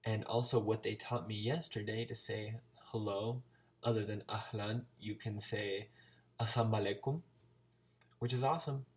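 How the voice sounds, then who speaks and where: A man's voice: fairly low pitch, fairly even intonation, moderate pace. An American man talking casually in a vlog, chattily sounding out Arabic words as a learner. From United States. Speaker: language-learning vlogger.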